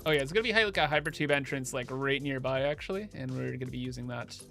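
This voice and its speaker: A man's voice: medium pitch, fast talker, creaky, a bit bright, faint music behind. A young man livestreaming over a headset mic, thinking aloud in a casual, chatty way while he builds in a game.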